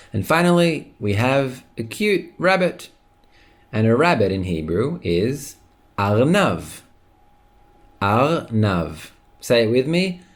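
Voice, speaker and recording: Patient, lively male language teacher. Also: medium pitch. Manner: patient, encouraging, drawn-out repetition of words. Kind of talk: online language lesson.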